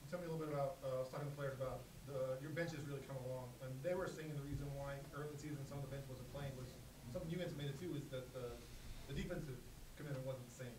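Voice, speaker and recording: Fast-talking reporter, far off, echoey. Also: male voice, medium pitch, fairly even intonation, noisy background. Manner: rambling questions. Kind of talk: press conference question. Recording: distant in an echoey room with chatter.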